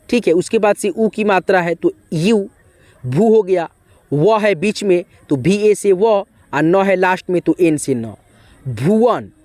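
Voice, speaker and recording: A man with a high voice, recorded with no room sound, patiently teaches beginners how to spell names. He spells out letters one by one and speaks directly to his viewers, repeating friendly asides to them.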